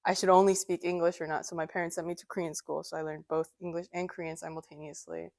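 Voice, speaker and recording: A woman's voice: on the low side, level tone, fast talker, creaky, a little mellow, no echo, studio quality. A young woman interviewed for a documentary, speaking hesitantly with many fillers. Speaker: student interviewee.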